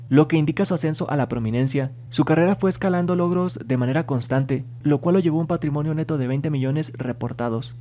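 A man narrating scripted entertainment news in a mellow, warm tone that sits a little high in pitch. His delivery is even and read aloud, like a voice-over script. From Spanish-speaking.

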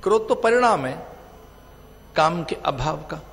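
A man's voice: a little high, expressive, a little slow, a bit bright. A man with a north Indian Hindi accent giving a religious discourse, stressing his points with long repeated lists that rise and fall. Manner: emphatic, repetitive lists, rising and falling delivery. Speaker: spiritual teacher giving a discourse. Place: large venue. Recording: reverberant hall with faint music.

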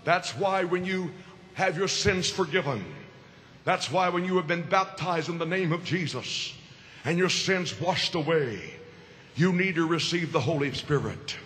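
A high, bright-toned man preaches a fervent revival sermon at an outdoor rally. He speaks slowly and plainly, repeats his phrases, and lifts into shouted calls. The loudspeaker sound rings out with a long, echoey tail over faint background noise. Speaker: visiting bishop and evangelist. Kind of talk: open-air revival sermon. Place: outdoor park rally through a PA. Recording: echoey open-air PA with crowd noise.

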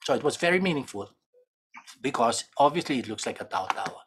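A Filipino man with a Filipino accent giving an archaeology lecture over slides on a video call, halting often, correcting himself and checking in with "right?". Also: medium pitch, expressive, a bit bright, a little hiss or hum. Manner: halting, many self-corrections and tag "right?".

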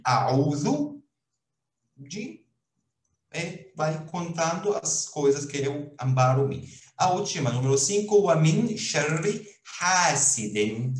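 A man teaching Arabic in a recorded online lesson, explaining slowly and haltingly with many restarts. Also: a little high, reverberant. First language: Portuguese.

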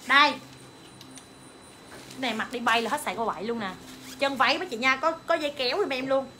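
Fast, bright-voiced woman selling clothes. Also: high voice, slight background noise. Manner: rapid, excited hawking, calls to viewers and staff. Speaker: online clothing seller. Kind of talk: livestream sales pitch.

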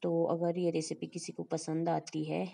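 In her home kitchen, a woman cooking vlogger talks her viewers through a home recipe as if they were friends, in a casual voice-over. Her voice is low, gravelly, husky and mellow, with a flat delivery at a measured pace.

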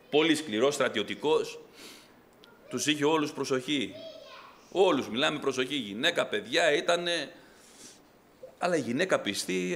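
A middle-aged man preaching a fervent Pentecostal sermon, swinging from loud exhortation to quiet storytelling. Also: mid-range voice, creaky. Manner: fervent preaching, rising loud then dropping to soft storytelling. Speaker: pastor.

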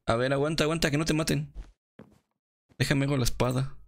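A young man with a Mexican accent giving excitable, slangy commentary while playing a game and laughing often. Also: mid-range voice, brisk. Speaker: gaming video creator. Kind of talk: casual gameplay commentary.

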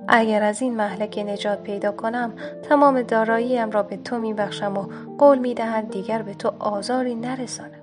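A woman's voice: fairly high pitch, fairly even intonation, music in the background, natural voice. A woman voicing a proud wolf stuck in a pit, speaking in a pleading, coaxing way.

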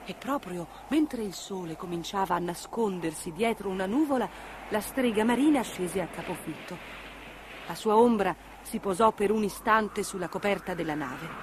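Expressive woman reading a children's story. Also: mid-range voice, background noise.

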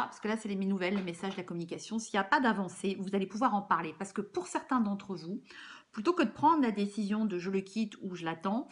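A woman card reader talking to her viewers in a loose, chatty way, full of filler words and restarts. Her voice sits at an ordinary middle pitch, and she keeps an easy, conversational tone throughout. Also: fairly bright tone. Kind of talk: casual spoken card reading.

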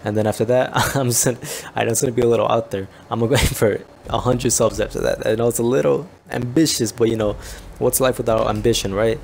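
Gravelly-voiced young man gaming commentary. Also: mid-range voice, fast, a little hiss or hum. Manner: chatty, rambling, bursts into excited yelps and laughs. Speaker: gaming YouTuber. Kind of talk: casual gameplay commentary.

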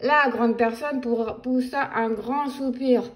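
A woman's voice: on the high side, slow. Playful woman reading a storybook aloud. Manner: playful, animated storytelling with sound effects. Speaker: children's book reader. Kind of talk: expressive read-aloud for children.

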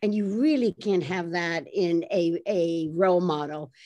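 A woman author being interviewed, telling behind-the-scenes stories in a lively, animated way and laughing easily. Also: fairly low pitch, unhurried, lo-fi sound. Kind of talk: anecdotal storytelling in conversation.

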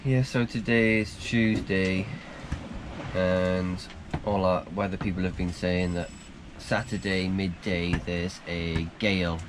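A man's voice: deep voice, steady tone, takes it slowly. A man in his thirties talking casually to a handheld camera on a small sailboat at sea, plain and matter-of-fact. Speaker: sailing vlogger. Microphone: action camera at arm's length. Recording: loud wind and sea noise. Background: wind and waves.

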